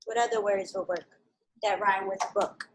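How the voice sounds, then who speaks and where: A woman teaching a live online kindergarten lesson, patient and clear, speaking slowly to young children over a video call. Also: medium pitch, steady tone, rough recording.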